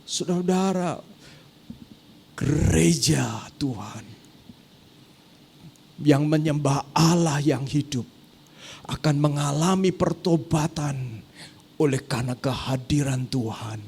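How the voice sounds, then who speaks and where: A male pastor preaching an animated sermon, often turning to address the congregation directly. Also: a little high, slow pace, vocal fry, long pauses, a little hiss or hum.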